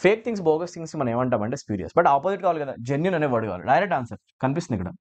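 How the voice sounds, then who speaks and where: Lively male English teacher. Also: medium pitch, rapid-fire. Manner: animated, mixes Telugu with English, keeps asking "right?". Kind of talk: exam answer-key lesson.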